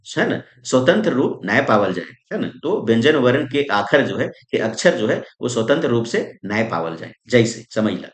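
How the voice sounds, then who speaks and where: A male grammar teacher, teaching in a lively, sing-song way that rises and falls. His voice rings around an echoey room. He fires questions at the class, answers them himself and keeps checking that everyone follows. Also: medium pitch, normal speed, hardly any pauses. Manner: constant checks like "isn't it?" and "okay?". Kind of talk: exam-prep grammar lesson.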